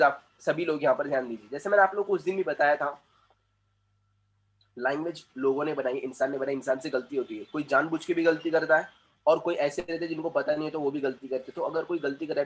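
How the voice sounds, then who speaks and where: Animated male communication trainer. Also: fairly high pitch, fast. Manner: explanatory, repeats points, asks the class questions. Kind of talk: classroom lecture.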